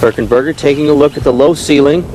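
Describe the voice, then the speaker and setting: A man giving golf-style play-by-play commentary, describing each shot in a measured, descriptive way. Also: fairly high pitch, steady tone, noisy background. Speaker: disc golf tournament commentator.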